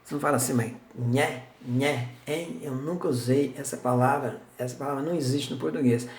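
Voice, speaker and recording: A man's voice: medium pitch, fairly even intonation, fairly quick, a little mellow. A man giving a casual video lesson on an old native language, talking informally and repeating words as a drill. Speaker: Tupi language teacher. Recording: echoey room.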